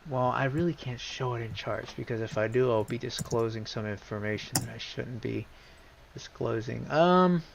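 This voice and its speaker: A man hosting a live trading stream, talking casually through charts, rambling with many restarts and bursts of excitement. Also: mid-range voice, normal speed, vocal fry, a little hiss or hum. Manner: rambling, restarts often, gets excited and repeats himself. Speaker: livestream trading host. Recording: slightly dull lo-fi stream audio.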